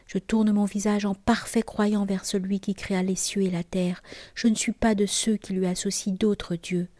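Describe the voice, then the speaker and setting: A woman voicing the prophet Abraham, an earnest, devout older man, in a soft, half-whispered way. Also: mid-range voice, little pitch movement, normal speed, no room sound, natural voice.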